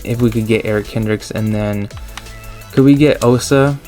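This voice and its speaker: A man, a gaming YouTuber, thinking aloud in casual gameplay commentary, rushed and full of fillers, into a desk mic. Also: lowish voice, steady tone, darkish tone, soft background music.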